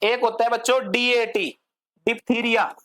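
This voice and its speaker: A woman's voice: on the high side, normal speed, fairly bright tone. A woman teaching a pharmacy lecture, mixing Hindi and English, asking the class questions and answering them herself, stretching out technical terms. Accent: Hindi-English code-switching. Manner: drawls long technical terms word by word.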